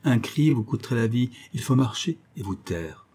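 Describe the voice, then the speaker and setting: A man's voice: medium pitch, animated, normal speed, mellow, slightly rough. A man voicing a sinister, mysterious male stranger who speaks insistently and with menace in an audiobook. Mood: menacing. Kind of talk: audiobook character voice.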